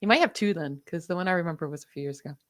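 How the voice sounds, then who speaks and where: A woman with a New York accent co-hosting a sports podcast, chatting casually and confidently, dropping stats with quick asides. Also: on the low side, no echo. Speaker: podcast co-host.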